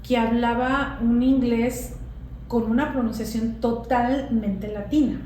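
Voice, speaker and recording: A woman, a guest English teacher, explaining with examples in a casual interview and pausing to find her words. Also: fairly high pitch, steady tone, a little mellow. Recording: very echoey room with faint noise.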